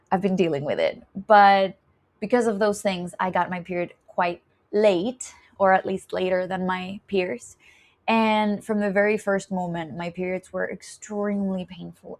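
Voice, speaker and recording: Candid chatty young woman from Chile. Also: on the low side. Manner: candid, chatty, laughs often. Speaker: nurse and menstrual health educator. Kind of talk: casual self-introduction vlog.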